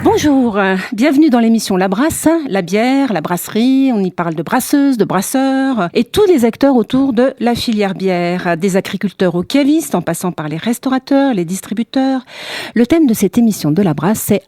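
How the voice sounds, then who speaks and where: A French woman hosting a podcast conversation, talking in a measured, explanatory way with frequent fillers. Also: fairly high pitch, animated, mellow, no echo. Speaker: podcast host. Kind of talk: hosted conversation.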